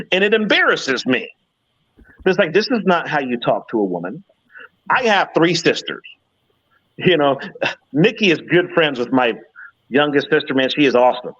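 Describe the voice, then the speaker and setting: A fifties man on a live online talk panel, chatting loosely and tripping over his own starts. His voice sits slightly high for a man. The sound is dull and lo-fi, like a streamed call. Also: fairly bright tone. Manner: storytelling with frequent stammered restarts.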